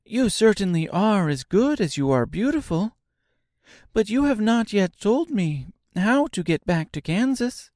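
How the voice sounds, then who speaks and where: An earnest young girl, as a male narrator puts her on, lifts her voice high and bright. She speaks slowly and sincerely in a close, dry storybook reading. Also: sing-song, no room sound.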